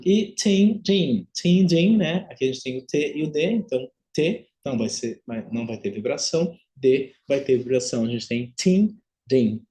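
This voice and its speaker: Brazilian guy giving an online phonetics lecture, explains calmly, says example words over and over slowly. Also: mid-range voice. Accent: Brazilian Portuguese.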